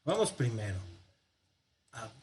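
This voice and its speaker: A man with a Mexican Spanish accent teaching a language lesson, slow and patient, thinking aloud with pauses. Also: mid-range voice, very animated, a little mellow, a little hiss or hum. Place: parish classroom or home office.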